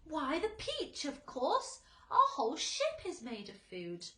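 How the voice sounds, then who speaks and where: A woman's voice: sits high, wildly swooping pitch, slow pace, a bit bright, echoey room, pitched above the performer's own voice, full character voice. A woman voicing a confident, patient young boy in a storybook, speaking earnestly and emphatically. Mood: excited.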